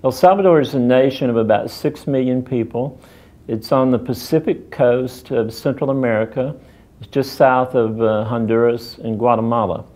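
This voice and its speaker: Mellow-voiced man narrating a mission report. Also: mid-range voice. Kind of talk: documentary narration.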